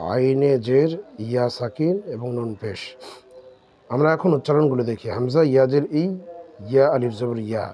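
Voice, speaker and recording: A man teaching Quran reading step by step, spelling out letters and drawing out syllables slowly. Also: mid-range voice, mellow. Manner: slow, drawn-out syllable drills. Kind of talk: step-by-step recitation lesson.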